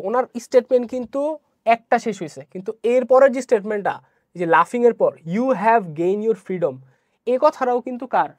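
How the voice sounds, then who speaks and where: A woman's voice: medium pitch, darkish tone, no room sound, clean studio sound. A woman teaching an online exam-prep English lesson, explaining step by step and often asking checking questions.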